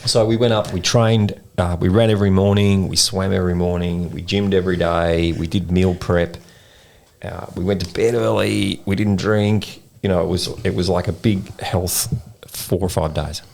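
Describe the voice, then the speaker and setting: A low, gravelly Australian man spinning a rambling yarn on a podcast, slangy and animated. Faint noise sits under his voice. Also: moderate pace. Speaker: podcast co-host. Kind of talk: casual storytelling chat. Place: in-person podcast recording.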